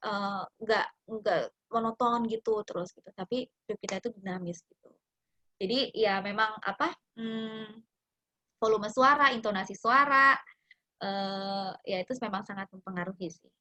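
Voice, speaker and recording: A woman psychology practitioner talking casually to a youth group, animated and acting out quoted speech. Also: mid-range voice, moderate pace. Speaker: guest speaker, psychology practitioner.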